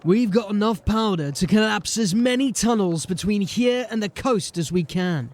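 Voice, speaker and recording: A male actor with a high, darkish voice and lively intonation plays a gruff, resolute fantasy city-watch sergeant in an audio drama. At a moderate pace he barks clipped, commanding orders laced with dry sarcasm.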